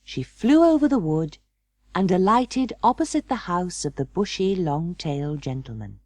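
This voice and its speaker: A woman narrating a children's story in an expressive, measured and dramatic storytelling manner. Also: on the low side, no echo. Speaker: audiobook narrator.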